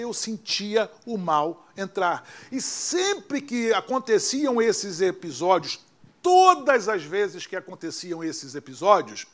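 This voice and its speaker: A man with a Brazilian Portuguese accent, a pastor telling his own story in a sermon, dropping to hushed tones for quoted voices. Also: high voice. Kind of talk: sermon testimony.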